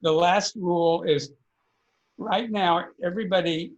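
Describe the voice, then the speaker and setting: A man's voice: sits high, a little slow, lo-fi sound. A man, a podcast guest, earnestly explaining energy work in a conversational interview, often repeating words as he thinks.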